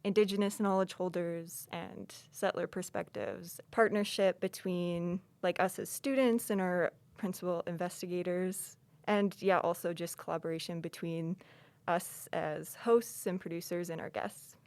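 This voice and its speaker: A woman's voice: on the low side, steady tone, a little slow, a little mellow, dry recording. A young woman from Alberta, a podcast producer, answering interview questions in a thoughtful, casual way. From Alberta, Canada. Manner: thoughtful, uses "like" fillers. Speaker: podcast producer and research assistant.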